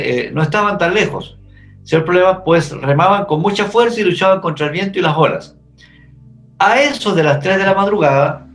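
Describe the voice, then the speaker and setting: Male pastor, animated Bible-class storyteller, gravelly and fairly high-pitched. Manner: animated storytelling, vividly imagining scenes.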